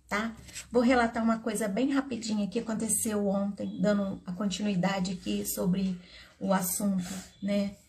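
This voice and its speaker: A woman's voice: mid-range voice, creaky, warm tone, slight background noise. A middle-aged woman therapist with a Brazilian Portuguese accent, talking casually to camera and telling an earnest personal story as she advises parents. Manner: earnest, storytelling, addresses viewers directly. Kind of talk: casual advice talk to camera.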